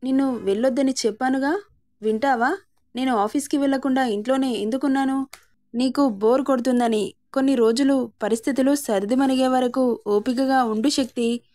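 A woman voicing a loving young husband in a storybook reading, teasing and affectionate by turns, sharp when he feels his wife is wronged. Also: a little high, fairly even intonation, moderate pace, close to an everyday voice. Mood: indignant. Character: young man, loving husband, playful and protective.

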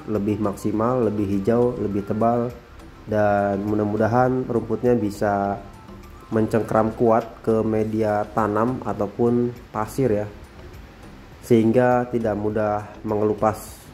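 A man narrating his drone footage as a voice-over, calm and unhurried, often tagging sentences with a soft "ya". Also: on the low side. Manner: calm, repeats phrases, frequent tag "ya". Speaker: drone vlogger.

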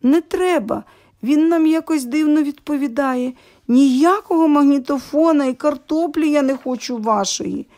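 A woman's voice: high voice, normal speed, warm tone, voice pushed up, natural voice. A woman voicing a sick schoolboy who complains in a whiny, fed-up way, reading a storybook aloud. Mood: sulky.

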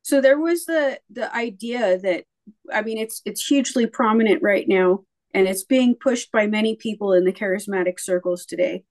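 A woman's voice: mid-range voice, normal speed. A woman co-hosting a casual theological discussion, talking conversationally with hesitant repeats. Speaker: podcast co-host.

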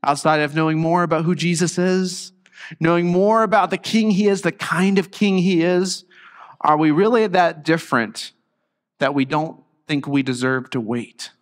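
The big-room sound of a church sanctuary surrounds a middle-aged male pastor as he preaches at a moderate pace in a fairly high voice. His sermon is earnest and conversational, full of restarts, and his voice is recovering after being lost.

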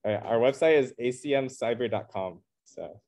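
At a casual club meeting, a young man from California who serves as co-president talks in an upbeat, meandering way with many fillers. His medium-pitched voice is expressive, at normal speed, with vocal fry and a darkish tone.

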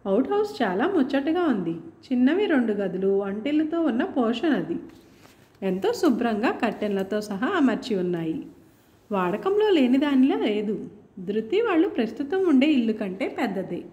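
A woman narrating a story with an expressive reading. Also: a little high, moderate pace, reverberant, highs cut off.

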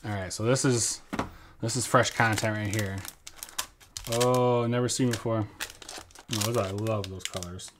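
A man's voice: lowish voice, steady tone, a little slow, pauses often, background noise. A father in his thirties chatting casually and joking with his son while opening trading card packs at home. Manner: playful, jokey, silly sing-song bits. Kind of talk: casual family unboxing chat.

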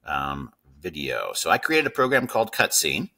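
This man in his thirties has a low voice with vocal fry, a sharp tone, and wildly swooping pitch, speaking at normal speed. Indoors at a computer, he gives an informal, instructive coding tutorial on screen, regularly checking in with "right?" and "okay?".

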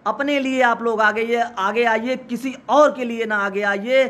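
A man with a very high, bright and strained voice gives a rallying live speech. He sounds hoarse from days of shouting, urges his listeners insistently, and repeats the same call again and again. He speaks like someone running a protest. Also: steady tone, unhurried. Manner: urgent, exhorting, repetitive. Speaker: protest organizer. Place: outdoor protest site.

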